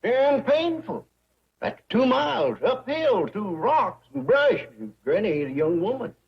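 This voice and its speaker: A man playing a blunt, deadpan young hillbilly relative with a drawl, in 1960s sitcom style. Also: very high voice, measured pace, gravelly, slightly rough, full character voice. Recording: dull TV audio with faint music.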